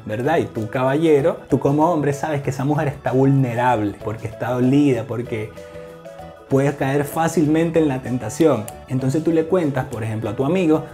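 A man's voice: mid-range voice, moderate pace, dark tone, soft background music. A man from Venezuela with a Venezuelan accent, casually explaining slang to the camera in a playful way and acting out examples. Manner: playful, acts out examples in put-on voices, laughs often.

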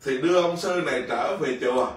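Monk, echoey and distant. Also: male voice, mid-range voice, a little fast. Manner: lively, laughing, acts out a king and a soldier. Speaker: Buddhist monk teacher. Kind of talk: storytelling dharma talk.

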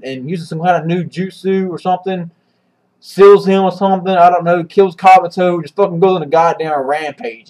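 A man's voice: on the high side, darkish tone, rough recording. Rambling, foul-mouthed man recapping a comic. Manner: rambling, swearing, many restarts. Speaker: manga reviewer. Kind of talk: casual profane recap.

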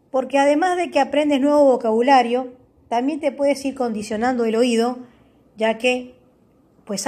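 A woman hosting a tutorial, walking viewers step by step through a language-learning app and pausing often to check they follow. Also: high-pitched, a little mellow. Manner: reads English words aloud for the viewer. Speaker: tutorial host.

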